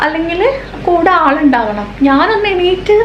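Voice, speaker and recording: High-voiced woman in an echoey room. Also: normal speed, lo-fi sound. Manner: relaxed, chatty talk to camera. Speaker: vlogger and mother of a baby. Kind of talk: casual chat to camera at home. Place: room at home. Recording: echoey home room with faint hiss.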